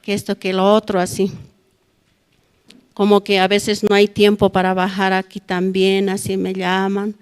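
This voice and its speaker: Nearly each phrase of this middle-aged woman's testimony ends in a questioning "no?". Speaking in a church hall at a prayer service, she uses a mid-range, clean, monotone voice and an unhurried pace.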